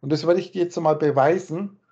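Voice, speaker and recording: A man on a video call, explaining spiritual texts in a rambling, circling way, repeating words and slowing down to stress single ones. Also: a little high, fairly even intonation, darkish tone, slightly rough. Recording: muffled call audio.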